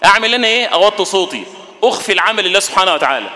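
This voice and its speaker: A man with an Egyptian Arabic accent gives a Ramadan sermon in a mosque. His voice is high and bright, and the words tumble out at great speed. A long reverb from the mosque hall trails after him. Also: animated, rapid-fire. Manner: colloquial, asks the audience questions. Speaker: preacher.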